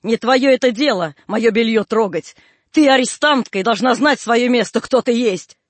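A man's voice: fast talker, dry recording, natural voice. A man reading a storybook, voicing an enraged young peasant wife who shrieks and rants at her in-laws. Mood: hateful. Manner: shrill, loud, ranting.

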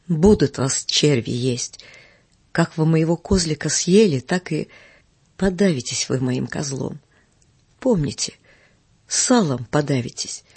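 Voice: mid-range voice, a little mellow, breathy edge, dry recording, exaggerated voice. A reader voicing an old woman teacher who shrieks curses and accusations at a neighbor. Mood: menacing. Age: older. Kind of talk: audiobook character reading.

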